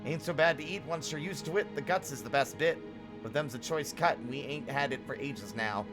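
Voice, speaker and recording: A man voicing a gruff, rustic male bug villager in a video game, talking in a blunt folksy dialect. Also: on the high side, fairly quick, natural voice. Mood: grumbling. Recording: game music behind.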